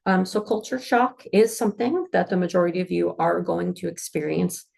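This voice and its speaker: Presenting a pre-departure session for students going abroad, a North American woman from the international office is friendly and informative, often using fillers. Her fairly low, gravelly, darkish voice stays fairly even in intonation and moves a little fast.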